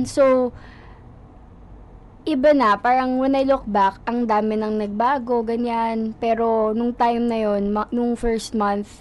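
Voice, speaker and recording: A woman's voice: on the high side, fairly even intonation, slow, a little mellow. A young woman with a Filipino accent, a radio talk show guest recounting events in casual, mixed Tagalog and English. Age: young adult.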